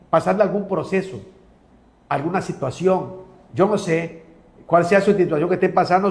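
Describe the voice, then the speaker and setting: Male TV preacher, high voice, reads Bible passages, fervent asides, calls listeners brother. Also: darkish tone.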